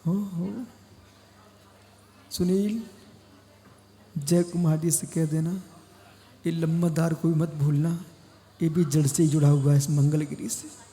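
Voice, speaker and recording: A man preaching to a gathering in a measured, unhurried cadence, hammering lines home by repeating them. His voice sits high for a man, and it rings with the long reverb of a large hall. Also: fairly even intonation, dark tone. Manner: slow, emphatic, repeats phrases and calls listeners by name. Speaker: Jain monk preacher. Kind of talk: sermon.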